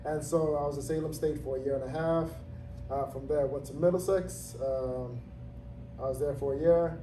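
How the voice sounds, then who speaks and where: A man in his thirties, originally from Zambia, telling his story in a relaxed interview with many fillers and easy laughs. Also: on the high side, normal speed. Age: 30s. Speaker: interviewee, gym owner. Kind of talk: casual interview. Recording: roomy, distant, noisy ambience.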